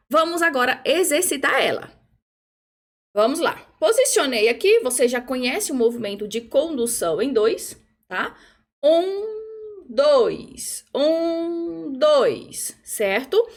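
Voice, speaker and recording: High-voiced woman teaching music rhythm. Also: a bit bright. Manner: patient explaining, frequent "ó" and "tá?" checks; chants rhythm syllables while conducting. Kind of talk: online music theory lesson.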